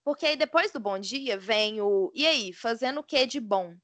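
A woman's voice: on the high side, lively intonation, moderate pace, fairly bright tone, no echo. A woman with a Brazilian Portuguese accent, a podcast guest, chatting casually in blunt, rambling bursts. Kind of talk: casual chat.

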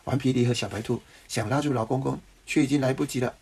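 A man reading a children's story aloud to a child, pausing to ask the listener questions. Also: mid-range voice, fairly even intonation, vocal fry, husky. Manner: gently asks the listener questions.

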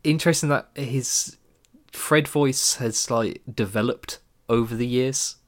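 A man's voice: mid-range voice, measured pace. A man co-hosting a podcast, chatting casually about cartoons, rambling and laughing often. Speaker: podcast co-host.

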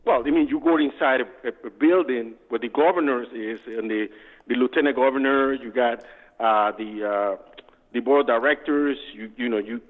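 A man's voice: mid-range voice, moderate pace. A man calling in to a talk show over the phone, arguing with the host and repeating himself. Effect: heard over the phone. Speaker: caller. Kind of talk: call-in radio argument. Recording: tinny phone line with reverb.

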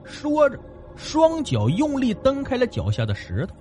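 A man narrating a folk tale in a lively, dramatic storytelling manner, over faint music. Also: very high-pitched, measured pace.

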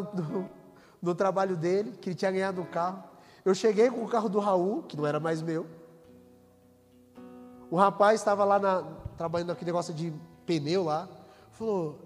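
High-voiced pastor preaching in a hall. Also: male voice. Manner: preaches with rising intensity, acts out quoted dialogue. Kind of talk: sermon. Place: church.

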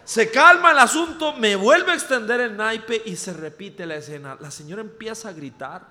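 Costa Rican male preacher, lively storyteller with a high, swooping voice. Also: moderate pace. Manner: animated, humorous anecdote-telling. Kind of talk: storytelling sermon. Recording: reverberant hall.

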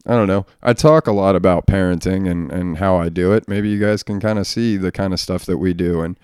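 A man's voice: deep voice, fairly even intonation, brisk, darkish tone, smooth, no room sound, clean studio sound. A man hosting a casual solo podcast, a father talking in a blunt, profane, ranting way. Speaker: podcast host.

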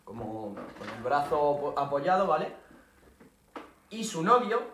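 Bright-voiced man telling a funny anecdote. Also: on the high side, a little slow, roomy sound, distant mic, a little hiss or hum. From Spain. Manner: animated anecdote-telling, laughing, full of slang. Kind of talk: casual storytelling among friends.

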